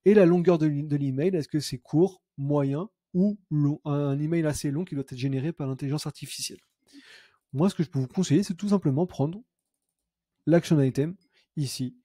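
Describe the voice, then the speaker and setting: A young man demoing software in a screen-recorded tutorial, chatty and thinking aloud with fillers and self-corrections. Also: on the high side, no echo, studio quality. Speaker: CRM consultant demoing software.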